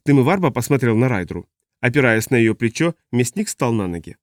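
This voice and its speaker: A man narrating an audiobook at a middle pitch, steady and even. The sound is close and dry, with no room around it. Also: fairly quick, dry recording. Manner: steady, even reading voicing several characters. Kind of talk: scripted narration.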